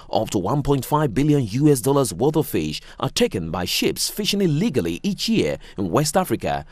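A man's voice: darkish tone, dry recording. Male news voice-over, swooping intonation, dry close booth sound. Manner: measured reading with wide pitch swings. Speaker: news reporter. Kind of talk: scripted news narration.

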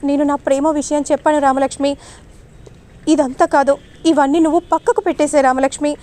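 A woman's voice: sits high, steady tone, fast, mellow, lightly acted. A woman voicing an insistent, hurt young man. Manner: insistent, questioning.

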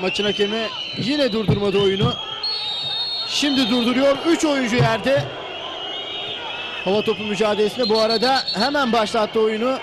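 A man's voice: high-pitched, normal speed, pauses often. A man giving live play-by-play football commentary. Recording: noisy stadium broadcast with loud crowd. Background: loud crowd and stadium noise.

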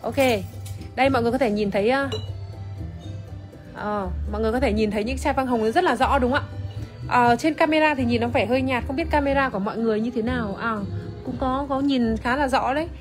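A woman's voice: fairly high pitch, fast talker, soft background music. A woman presenting wine on a phone livestream in casual chat, full of fillers and greeting viewers by name. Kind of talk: casual livestream product demo. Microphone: phone camera, iPhone.

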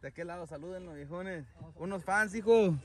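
A man's voice: high voice, fairly quick, a crowd in the background. A Mexican man vlogging on the road, joking around in crude slang outdoors. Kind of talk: casual vlog on the road. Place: outdoors on a roadside. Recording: outdoor noise with traffic.

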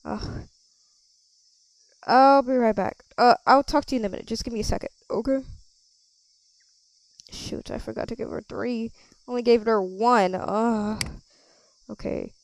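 A woman role-playing a cafe server in a game, chatting with customers and thinking out loud with lots of ums. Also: on the high side, fairly even intonation, measured pace, gravelly, pauses often, no room sound. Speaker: player running a cafe. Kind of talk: casual game role-play.

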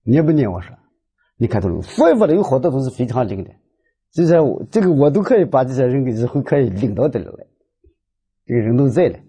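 A man's voice: mid-range voice, very animated, fast talker, dark tone, husky. A man giving a storytelling Buddhist talk, animatedly acting out the dialogue of his stories. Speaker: lay Buddhist speaker.

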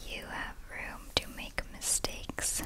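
A woman gives a whispered ASMR pep talk of positive affirmations in a clicky, breathy whisper, repeating soothing, encouraging phrases. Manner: slow, repetitive, soothing encouragement. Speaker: ASMR host.

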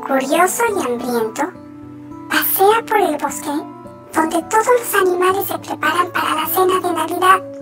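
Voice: very high voice, far from the mic. A narrator reading scripted bedtime stories for young children. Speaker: children's story channel narrator. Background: music.

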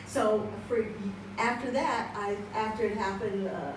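Her mid-range voice is steady and unhurried as this American woman in her sixties gives personal testimony at a conference in a church hall full of people. Chatty and quick to laugh, she acts out quoted exchanges while seated with a handheld mic, filmed from across the room, the audio distant, echoey, and noisy in the background.

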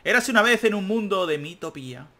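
A man's voice: high-pitched, lively intonation, brisk, background noise. A young man giving joking let's-play commentary, reading the game text aloud and swearing casually. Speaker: gaming YouTuber. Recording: faint game music behind.

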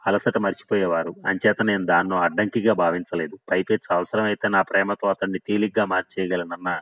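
A man's voice: low voice, steady tone, a little fast, a bit bright, no echo, poor audio. A man voicing an older village mother who recounts her hardships plainly and sadly. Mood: sorrowful. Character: village mother, older woman, weary and sorrowful.

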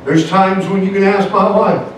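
A man preaching as a pastor, punctuating his lines with "amen" and calls to the church. He swings between soft, low passages and shouted, high climaxes. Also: fairly even intonation, normal speed. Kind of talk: evangelical sermon. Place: church sanctuary, indoors. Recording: echoey church sound from far off, faint noise.

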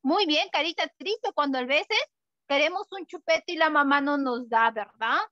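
A woman's voice: high-pitched, normal speed, bright, forceful tone, no echo, dull audio. A woman teaching an online class to small children, in an exaggerated, affectionate sing-song manner. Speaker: preschool teacher.

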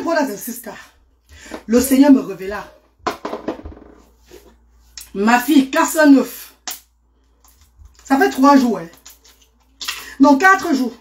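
High-pitched woman going live, voice jumping all over, calling out to viewers by name, bit of noise. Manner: animated, exclamatory, greets viewers by name. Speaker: live streamer. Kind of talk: casual live stream talk.

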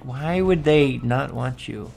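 A man commentates casually on a game he is playing, talking to himself and swearing freely. His pace is slow and his voice has noticeable fry. Faint game music plays behind him. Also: medium pitch, a little mellow. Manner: chuckling, sweary, talks to himself. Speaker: let's play gamer.

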